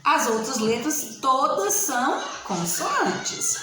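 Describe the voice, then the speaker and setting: A woman teacher giving a slow, patient spelling lesson and repeating each word aloud. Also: sits high, huge pitch swings, very echoey, background noise.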